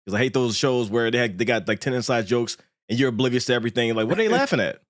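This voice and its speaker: Talking very fast and animatedly in a mid-range voice, a man hosts a casual livestream podcast full of joking, profane banter. The recording is dry and studio quality, with background music playing.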